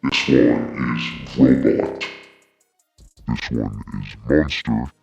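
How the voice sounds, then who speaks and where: A man's voice: extremely low pitch, steady tone, drawn-out words, vocal fry, darkish tone, breathy edge, no room sound, muffled recording, faint music behind. A man demonstrating a hardware voice changer, his voice morphing through robot, monster, baby and elder presets. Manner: plain, matter-of-fact demonstrating. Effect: morphing voice changer cycling presets (robot, monster, baby, elder). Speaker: product reviewer. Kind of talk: hardware demo.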